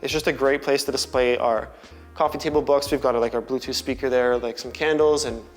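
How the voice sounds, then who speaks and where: A young man, casually talking through a tour of his loft apartment in a relaxed way, with lots of filler words. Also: mid-range voice, fairly quick, soft background music. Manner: chatty, relaxed, full of "like" and "um" fillers. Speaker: vlogger giving a home tour. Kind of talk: casual home tour talk. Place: large loft apartment indoors.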